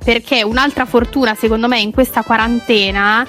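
Higher-voiced woman in casual podcast chat. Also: fairly even intonation, brisk, a bit bright, soft background music. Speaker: podcast co-host.

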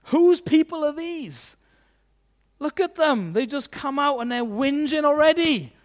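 A man playing shrill indignant angels. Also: animated, a little slow. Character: exasperated angels, male, complaining loudly.

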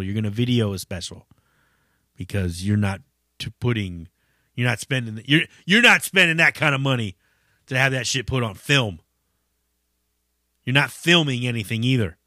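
A man's voice: mid-range voice, bright, forceful tone, no room sound, clean studio sound. A middle-aged man hosting a podcast in a casual, rambling monologue, swearing freely and laughing often. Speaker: podcast host.

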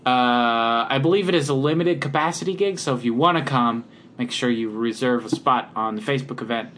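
A man from talks casually on a podcast, stumbling through ums and uhs at an unhurried pace. His voice sits in an ordinary middle range. Faint noise hums under the recording. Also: medium pitch. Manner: relaxed, hesitant with many ums and uhs. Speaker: podcast co-host and local musician.

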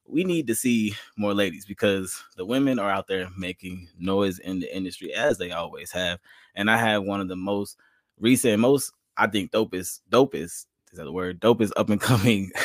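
A man hosts his podcast in loose, profane chat. He talks fast and a little low, circling back over his own words. The sound is close and dry. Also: a bit bright, dry recording. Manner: loose, slangy and profane, rambling restarts. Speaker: podcast host. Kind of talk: casual interview chat.

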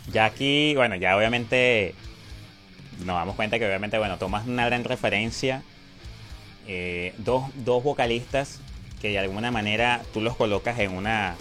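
Male interviewer, lowish pitch, eager and informal. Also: a bit bright. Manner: enthusiastic, uses casual slang. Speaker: interview host. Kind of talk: casual interview talk.

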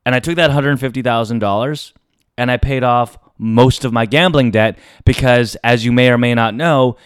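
A man hosting a solo confessional podcast, speaking to listeners in a theatrical showman's manner with emphatic, dramatic pauses. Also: medium pitch, clear, resonant tone, no echo, clean studio sound. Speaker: podcast host.

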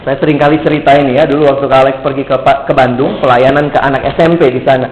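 A man giving a humorous youth sermon, telling stories in a lively way, teasing his listeners and asking rhetorical questions. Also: medium pitch, fast talker, muffled recording. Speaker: youth speaker. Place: large hall. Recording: echoey hall, faint background hum.

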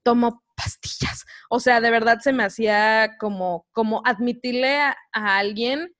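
A young Mexican woman with a fairly high voice tells a story in casual conversation. She talks candidly and with lots of energy, full of slang. Her speech is loose and friendly. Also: normal speed, a bit bright. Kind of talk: casual chat.

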